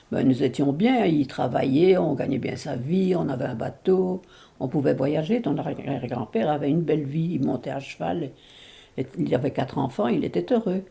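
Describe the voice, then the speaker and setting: A great-grandmother in her nineties from Belgium, telling her life story to a baby in a halting, emotional way with many restarts. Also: lowish voice, vocal fry, mellow. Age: over 90. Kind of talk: intimate spoken memoir.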